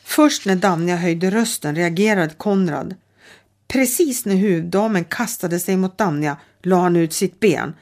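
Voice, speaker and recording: A middle-aged woman reading a children's audiobook with steady, calm storytelling. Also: fairly low pitch. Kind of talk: audiobook narration.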